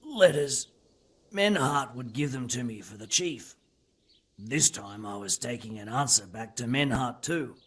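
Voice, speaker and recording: An actor playing a captured brigand under interrogation in a game, sardonic and evasive. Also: male voice, mid-range voice, lively intonation, unhurried, a bit bright. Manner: sardonic, evasive, rough-spoken.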